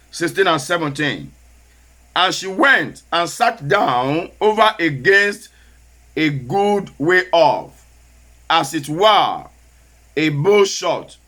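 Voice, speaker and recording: A man with a Nigerian Yoruba accent, Yoruba being his first language, preaches a sermon, slowly repeating key phrases for emphasis and switching into Yoruba. His voice is a little high, pushed, and bright.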